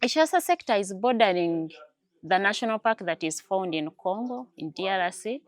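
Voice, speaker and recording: A woman's voice: medium pitch, animated, moderate pace. A woman with a Ugandan accent giving an informative interview as a tourism warden, promoting a place to visitors.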